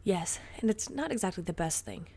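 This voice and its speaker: Woman doing a loud excitable teen boy, raised pitch, gravelly edge, husky tone, storybook. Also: fairly quick. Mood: urgent. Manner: loud, breathless and emphatic. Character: excitable teenage boy borrower, eager and defiant.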